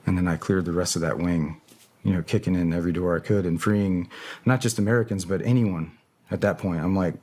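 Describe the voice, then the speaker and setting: A man's voice: sits low, steady tone, brisk, darkish tone. A man, a podcast guest, telling a story in casual talk, swearing bluntly and often stopping to search for words. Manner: profane, blunt and hesitant.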